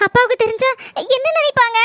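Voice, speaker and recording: A woman's voice: very high voice, fairly even intonation, fast talker, sharp tone, slight background noise. A woman with a southern Tamil accent voicing an anxious young girl talking to herself in bewilderment, in a cartoon. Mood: bewildered. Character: anxious young girl, worried about her father.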